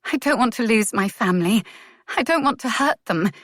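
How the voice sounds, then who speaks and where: A woman's voice: on the high side, animated, moderate pace, fairly bright tone, dry recording, studio quality, voice pushed up. Woman voicing a tremulous young noblewoman. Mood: earnest. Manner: trembling, earnest. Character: young noblewoman in love, earnest and emotional. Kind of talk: audiobook character voice.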